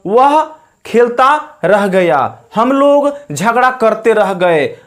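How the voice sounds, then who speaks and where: Slow, patient Indian male English teacher. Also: high voice, sing-song. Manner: slow, patient, repeats each example; says English examples slowly and carefully. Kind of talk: spoken English lesson in Hindi.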